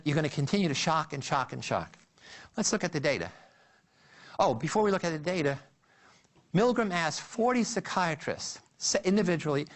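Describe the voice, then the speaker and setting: A man lecturing to an audience, walking through an example step by step. His voice sits a little high. He tells it with animated energy, stumbling and restarting often. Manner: animated storytelling with frequent restarts.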